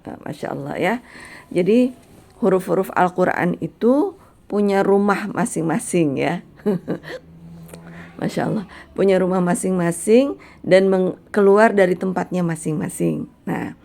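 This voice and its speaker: Middle-aged woman as a kind, encouraging recitation tutor; slow delivery, slightly low pitch. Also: gravelly. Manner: gentle, encouraging, demonstrates sounds slowly. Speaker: Quran recitation teacher. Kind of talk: patient spoken lesson on letter pronunciation.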